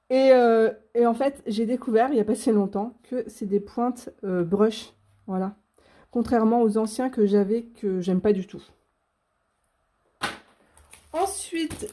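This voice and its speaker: A woman's voice: medium pitch, mellow. A young woman hosting a casual unboxing video, chatty and gushing with frequent fillers. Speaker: coloring channel host.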